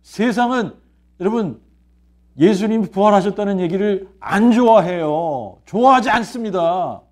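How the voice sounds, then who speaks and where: In a church sanctuary, a pastor preaches a sermon in a voice that sits high, with lively intonation and a moderate pace. He poses rhetorical questions, answers them himself, and repeats key phrases.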